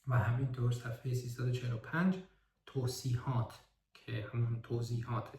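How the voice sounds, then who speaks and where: A man's voice: mid-range voice, flat delivery, a little mellow, distant mic. Man reviewing a book in a roomy echo. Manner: careful, correcting himself and spelling out words. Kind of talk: casual spoken book review.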